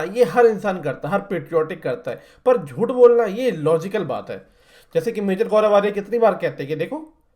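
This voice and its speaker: A man's voice: high-pitched, a little mellow. A young man hosting a reaction video, talking in a chatty, rambling and blunt way. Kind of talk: casual reaction commentary.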